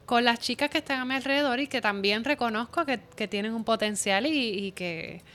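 A woman's voice: fairly high pitch, a little fast, a bit bright. A woman with a Puerto Rican accent hosting a conversational panel interview. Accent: Puerto Rican Spanish. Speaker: interviewer and pageant titleholder. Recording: audible background noise.

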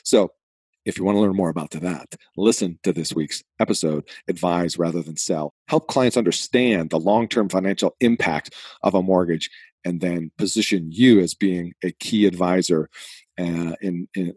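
A man's voice: low-pitched, normal speed, darkish tone, husky, no room sound. A man with a Boston accent hosting a podcast in a casual, conversational style. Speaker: podcast host.

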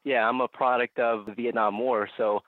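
A young urban farmer from Phoenix, Arizona, guests on a podcast, eagerly and upbeatly telling his story in casual interview answers. His mid-range voice is flat in delivery and normal in speed, with no room sound and a tinny phone-line quality.

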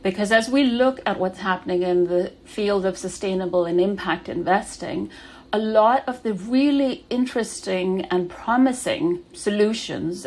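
A woman from Denmark, a podcast guest, explaining her work in a measured, explanatory way. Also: mid-range voice, darkish tone. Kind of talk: podcast interview.

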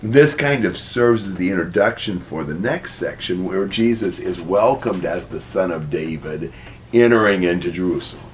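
A man leading a group Bible study, explaining a passage in a relaxed way and asking the group questions. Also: low-pitched, normal speed, a little hiss or hum. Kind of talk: conversational group Bible teaching.

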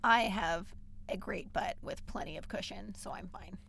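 A woman's voice: medium pitch, moderate pace, gravelly, crowd noise. A woman co-hosting a podcast, joking around in casual chat in a library recording room. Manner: playful, jokey. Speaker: podcast co-host.

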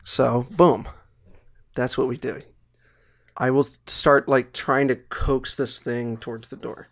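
A man's voice: mid-range voice, little pitch movement, slow pace. A man playing a tabletop game, laying out a plan urgently and checking that everyone agrees. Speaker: player. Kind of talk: in-character tabletop play.

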